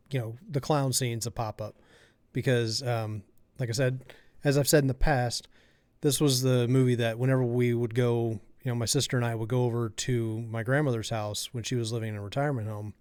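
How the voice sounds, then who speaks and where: A man co-hosting a podcast, telling a relaxed story with lots of fillers. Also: mid-range voice, clean tone, dry recording. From Kansas City area. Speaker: podcast co-host. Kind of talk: casual chat.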